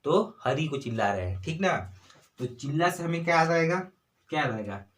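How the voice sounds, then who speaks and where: Chhattisgarhi hindi guy teaching exam tricks, kinda high voice, keeps going "theek hai, hai na". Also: animated, normal speed, a bit bright. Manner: repeats "ठीक है" and "है ना", asks and answers own questions. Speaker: exam tutor. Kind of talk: exam-prep lesson.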